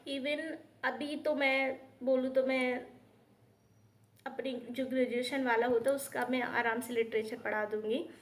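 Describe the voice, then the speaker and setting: A woman's voice: sits high, flat delivery, unhurried. A woman, earnestly telling her own life story in a vlog and mixing in English words. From Uttar Pradesh, India. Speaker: teacher and YouTuber.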